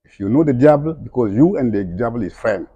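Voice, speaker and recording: A man's voice: mid-range voice, lively intonation, a little fast, dark tone, slightly rough, no echo, lo-fi sound. A middle-aged man speaking emphatically in broken, non-native English, repeating his points as an interviewee. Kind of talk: impassioned conversational speech.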